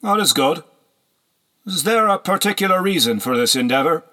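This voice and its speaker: A man's voice: fairly high pitch, expressive, normal speed, bright, forceful tone, pitched above the performer's own voice. A man voicing a cold, haughty nobleman on horseback, curt and commanding, in an audiobook reading.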